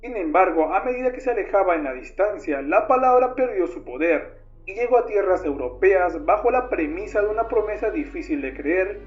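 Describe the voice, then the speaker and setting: A man reads scripted horror narration in a documentary style as the narrator. His voice is high-pitched with lively intonation at a normal pace, and the sound is dull and lo-fi beneath background music.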